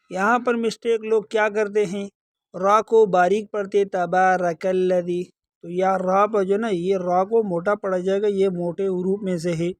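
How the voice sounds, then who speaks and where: A man with a high voice teaches recitation, explaining pronunciation patiently and repeating words slowly. The sound is dry and close, with no room echo. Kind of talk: tajweed lesson, explaining then chanting verses slowly.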